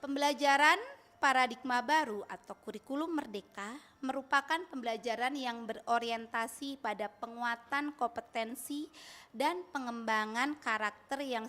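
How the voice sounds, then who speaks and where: A woman's voice: a little high, a bit bright, a little hiss or hum. A woman teacher from Bandung with an Indonesian accent giving an upbeat training presentation to colleagues, often asking them to reply. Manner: upbeat, asks audience for replies.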